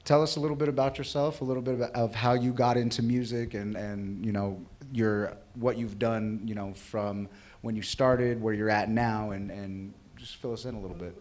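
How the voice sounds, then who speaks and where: A man's voice: on the low side, steady tone, normal speed, a little mellow. A man hosting a casual livestream interview, asking easygoing questions with fillers. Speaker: livestream host.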